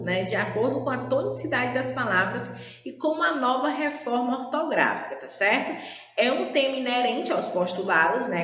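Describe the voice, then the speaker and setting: A woman's voice: fairly high pitch, fairly bright tone. A woman teacher giving a formal grammar lesson, often checking in with tag questions. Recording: echoey room with long reverb.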